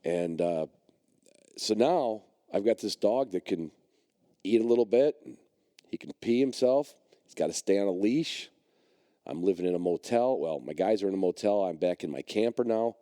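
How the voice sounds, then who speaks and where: Man, middle-aged, low voice, dry sound, rambling storyteller, podcast host. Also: expressive, normal speed, warm tone, no room sound. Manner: rambling, heavy on fillers and restarts. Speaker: podcast host and dog trainer.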